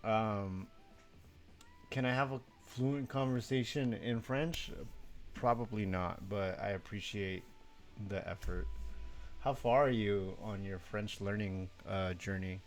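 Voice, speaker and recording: Soft music plays behind a young man from Mexico who talks slowly in a lowish voice on his live stream. He's casual, drowsy and meandering, self-deprecating, with the odd swear word.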